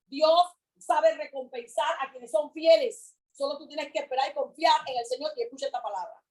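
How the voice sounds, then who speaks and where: A woman preaching a sermon with fervor, repeating her phrases and swinging between loud calls and hushed words. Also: sits high, moderate pace, low-quality recording.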